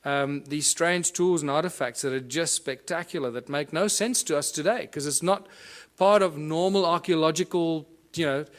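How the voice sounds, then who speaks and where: A man's voice: on the high side, moderate pace, hardly any pauses. Man lecturing in an echoey room. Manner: explanatory, loose and rambling with fillers. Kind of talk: lecture with live demonstration.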